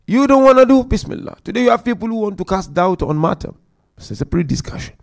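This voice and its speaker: A man's voice: high voice, very animated, fast, vocal fry. A man giving a religious lecture to a congregation in a mosque, speaking directly and with animation to the audience.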